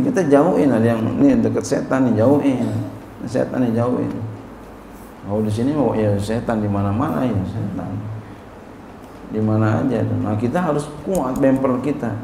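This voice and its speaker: A male Islamic cleric gives a religious study lecture in casual street slang, joking, and swinging from loud exclamations to soft asides. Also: mid-range voice, gravelly. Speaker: Islamic cleric teaching a classical text. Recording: roomy long reverb, faint hum.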